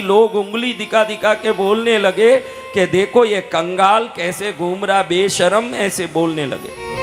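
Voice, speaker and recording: High-voiced preacher telling a devotional tale. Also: male voice. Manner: animated, calls out questions to the audience. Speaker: religious storyteller. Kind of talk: live devotional story sermon. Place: hall with a live audience.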